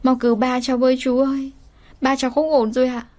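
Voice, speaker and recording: A woman voicing a poor, gentle thirteen-year-old girl who talks politely and pleads through sobs. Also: on the high side, steady tone, brisk, close to an everyday voice. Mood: panicked sobbing. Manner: polite, pleading, sobbing cries.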